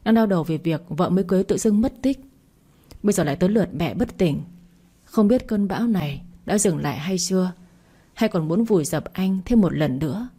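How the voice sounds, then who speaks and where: A woman reads a drama story aloud in a low, mellow voice. Her delivery is steady and even, like storybook narration. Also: a little fast, breathy edge.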